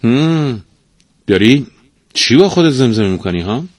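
A man's voice: mid-range voice, lively intonation, dry recording, voice pushed up, close to an everyday voice. A man voicing a sly, knowing merchant who teases his wife, close to his own voice. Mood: teasing. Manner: teasing, smug. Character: sly, knowing middle-aged merchant husband.

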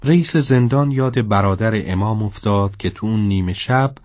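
A man narrating a story in a steady, scripted storybook style. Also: lowish voice, no echo, clean studio sound.

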